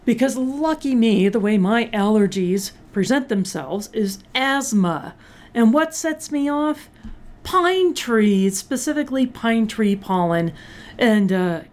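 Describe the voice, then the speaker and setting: A woman host in casual chat, hoarse and short of breath from asthma, chatty with sarcastic asides. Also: mid-range voice, a little mellow. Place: Colorado.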